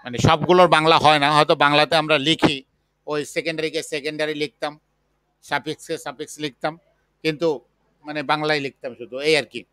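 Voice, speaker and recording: A man teaching a chemistry class, slowly dictating the material. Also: on the high side, level tone, pushed and bright, smooth, dry recording. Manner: slow, patient dictation. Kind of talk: classroom lecture.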